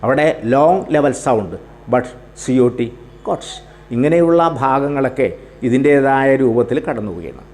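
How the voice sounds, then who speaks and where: A male English teacher gives a spoken lesson on grammar and pronunciation, explaining patiently, spelling words out letter by letter and repeating them. His voice is medium in pitch and a little mellow, with lively intonation and a moderate pace.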